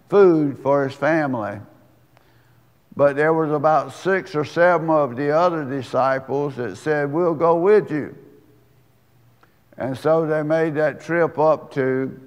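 A man preaching a sermon, telling a homely story in a slow, folksy way before turning to scripture. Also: fairly high pitch, in a large hall. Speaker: pastor.

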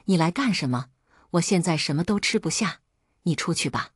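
A hot-tempered young husband, voiced low and brooding, with a husky edge and dry, close sound, as a woman narrator acts him out. He sways widely between gloom and sudden fury. It is storybook acting. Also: lively intonation, moderate pace, no echo. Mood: weary. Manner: deep, brooding, bursts of fury.

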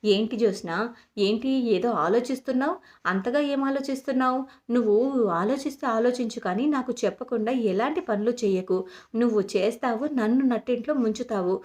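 A sharp, suspicious old grandmother, as a woman narrator puts her on for a retold serial. She fires off scolding questions in a somewhat high voice. It is read as part of a story recap, not fully acted. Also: fairly quick, lightly acted.

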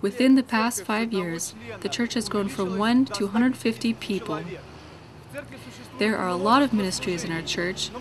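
Woman, voice-over narrator, earnest, measured, preaching tone, loud crowd noise behind. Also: mid-range voice. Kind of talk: read church introduction voice-over.

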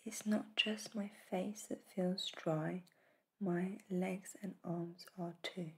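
A woman in an ASMR role-play as a spa facial therapist, speaking in a soft, breathy soft voice with a gentle, reassuring manner. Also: on the low side, steady tone, takes it slowly.

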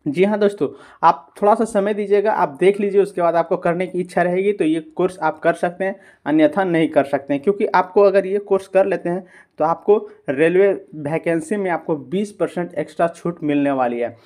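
Speaking a little fast in a high-pitched, slightly mellow voice, a man hosts a YouTube screen-recorded tutorial. He guides viewers step by step, addresses them repeatedly as friends, and answers his own questions.

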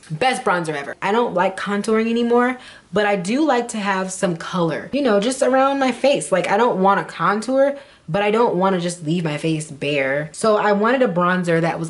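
Gushing young woman beauty vlogger. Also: on the low side. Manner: gushing, dramatic, playful. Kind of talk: casual product review to camera.

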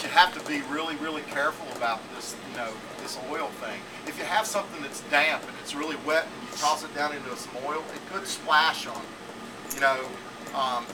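Rambling male cooking teacher, distant mic. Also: medium pitch. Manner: rambling, repetitive, checks in with "okay?". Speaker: culinary teacher. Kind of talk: classroom cooking demonstration. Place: school teaching kitchen, indoors. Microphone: camera mic from a few feet away. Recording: distant camera audio with air-conditioning hum.

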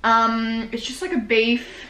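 A nineteen-year-old Australian woman chats casually in a mukbang eating vlog, informal, slangy and rambling, from a small living room. Her voice is a little high, level in tone and slow. The room gives a roomy echo, and there's heavy background noise.

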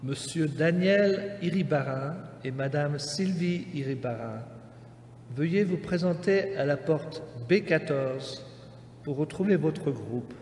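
Man announcer, slow and formal, over an airport PA in a big echoey hall with a long reverb tail and faint background noise. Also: on the high side, a little mellow. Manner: measured, formal, carefully spaced phrasing. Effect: over an airport PA system. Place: airport terminal.

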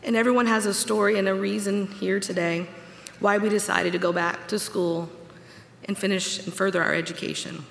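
Her medium-pitched voice is gravelly and a bit bright, with fairly even intonation and normal speed. Standing at a podium in a large auditorium, this graduate speaker in her forties reads an earnest, personal commencement speech from notes, adding touches of humor. A podium mic captures a little hiss or hum amid the hall's long, echoey reverb.

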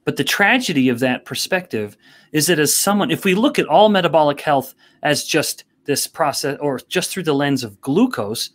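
A man as a podcast guest, explaining things in a measured, careful way. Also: on the high side, lively intonation. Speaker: guest expert. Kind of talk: podcast interview.

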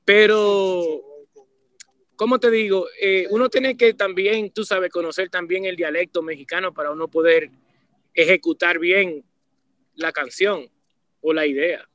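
A high voice at a measured pace, captured in a dry recording from a video call webcam, belongs to a band leader in his forties from Puerto Rico and the Dominican Republic. As a musician guest in a casual interview, he chats animatedly with a Caribbean Spanish accent, restarting often and repeating "¿me entiendes?"

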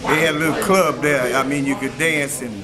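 An older man talks in a blunt, plainspoken way, his voice sitting a little high. He sits close to a camera in a small room. Heavy crowd chatter fills the background. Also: fairly quick. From Detroit, USA. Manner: blunt, plainspoken, salty with slang. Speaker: interviewee recalling his old neighborhood. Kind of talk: casual reminiscing interview.

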